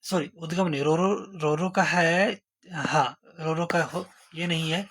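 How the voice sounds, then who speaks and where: A man's voice: on the high side, unhurried. Colloquial man. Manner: rhetorical questions, colloquial, playful mnemonics. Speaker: exam-prep teacher. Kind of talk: memory-trick lesson. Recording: noisy recording. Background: steady background noise.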